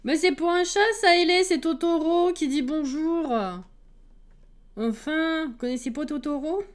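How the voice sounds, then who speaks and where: Chatty woman streamer, slightly high voice. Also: unhurried. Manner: chatty, laughs often, greets viewers. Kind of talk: casual live-stream chat with viewers.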